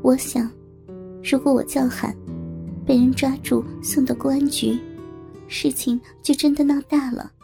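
A woman telling a first-person story in calm, steady narration. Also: high-pitched, measured pace, creaky, faint music behind.

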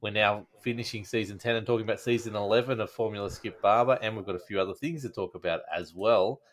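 A man's voice: fairly low pitch, fairly even intonation, quick pace. An Australian man hosting a podcast in a casual, chatty style. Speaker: podcast host.

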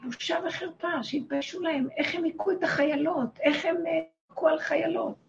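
A woman, a rebbetzin, telling a story in a casual, animated way and acting out the shouted quotes. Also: high-pitched, creaky. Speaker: rebbetzin leading a women's gathering. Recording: muffled lo-fi home recording, faint hiss.

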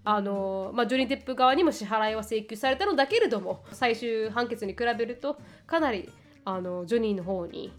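Higher-voiced woman explaining the news. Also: lively intonation, fairly quick, faint music behind. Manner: explains news stories at length, reading out quotes. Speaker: podcast co-host. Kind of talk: casual podcast chat.

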